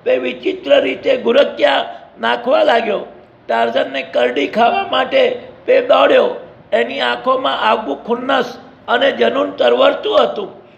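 A man's voice: very high-pitched, creaky. A man narrating a storybook adventure dramatically, in an echoey, dull lo-fi recording.

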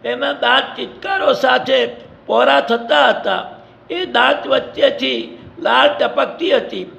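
A man's voice: extremely high pitch, slow pace, creaky, a bit bright. A man narrating a storybook adventure dramatically, in an echoey, dull lo-fi recording.

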